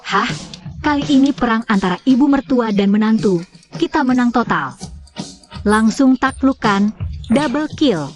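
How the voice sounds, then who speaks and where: An actress voicing a sweet, quietly scheming young wife who sweet-talks her husband, in a dubbed drama. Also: a little high, expressive, a little slow, long pauses, soft background music. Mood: gleeful. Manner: sweet-talking.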